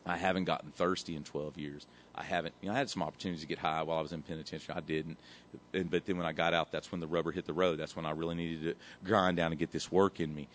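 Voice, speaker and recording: Man, 30s, low-pitched; candid and emotional recovery testimony, rambling and salty. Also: little pitch movement, quick pace, slight background noise. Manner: emotional, rambling, says "man" a lot, swears casually. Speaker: recovery speaker sharing his story.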